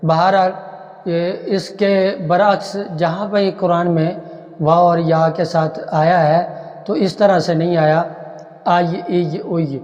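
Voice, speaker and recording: A man's voice: high voice, steady tone, darkish tone. A man teaching Quran reading step by step, sounding out each letter several times and then explaining patiently. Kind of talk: step-by-step recitation lesson. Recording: dull echoey room recording.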